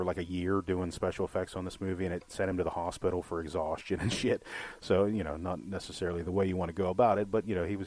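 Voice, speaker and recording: A man's voice: low voice, a little mellow. A man co-hosting a film podcast, rambling and swearing freely, with lots of "you know". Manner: rambling, profane, heavy use of "you know". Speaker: podcast co-host. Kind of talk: casual film chat.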